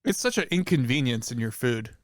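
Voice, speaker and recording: A man's voice: mid-range voice, lively intonation, brisk, dry recording, clean studio sound. A man co-hosting a podcast, chatting casually and rambling with hesitations as he recalls things. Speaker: podcast co-host. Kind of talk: casual chat.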